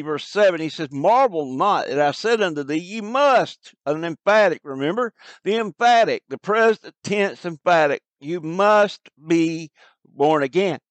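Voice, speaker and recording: A man's voice: fairly high pitch, dry recording. Emphatic man preaching a sermon. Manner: slow, emphatic preaching with repetitions.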